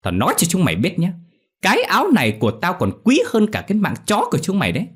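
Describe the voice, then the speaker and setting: A man's voice: lowish voice, very animated, moderate pace, breathy edge. A man voicing a cruel, greedy female moneylender who screeches and curses in a storybook tale. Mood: furious. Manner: screeching, cursing, scornful.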